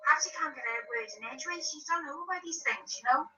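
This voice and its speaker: A woman's voice: sits high, animated, fast, bright, forceful tone. A woman chatting casually as co-host of a livestream and reading out comments. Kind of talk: casual chat. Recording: dull, slightly distant microphone.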